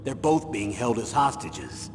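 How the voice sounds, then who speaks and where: An actor playing a grave military colonel in a video game, delivering a commanding briefing. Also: male voice, mid-range voice, sing-song, measured pace. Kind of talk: scripted video game voice acting. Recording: echoey hall, noisy ambience.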